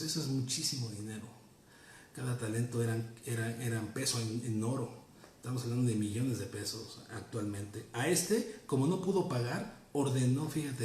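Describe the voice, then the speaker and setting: A man's voice: mid-range voice, a little mellow, roomy sound. A man preaching a sermon in an earnest, teaching tone, repeating key phrases for emphasis. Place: church.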